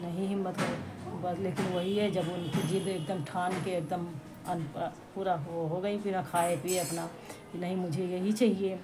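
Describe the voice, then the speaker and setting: A woman casually telling a devotional folk tale to listeners around her, in a chatty, halting way with restarts and asides. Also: fairly low pitch, flat delivery, music in the background. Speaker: storyteller. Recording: home recording with clear background noise.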